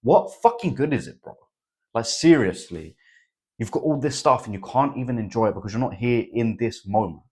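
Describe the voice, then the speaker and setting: A man's voice: mid-range voice, lively intonation, moderate pace, a little mellow. A young man, giving a blunt motivational monologue full of swearing and "bro". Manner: blunt, swears a lot, says "bro" and "right?". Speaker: self-improvement vlogger.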